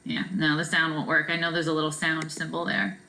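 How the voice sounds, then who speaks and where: A woman teaching a Spanish vocabulary lesson in a relaxed, chatty way, often checking in with "right?" and filling pauses with "um.". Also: low voice, gravelly, a little hiss or hum, low-quality recording. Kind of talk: recorded classroom vocabulary lesson.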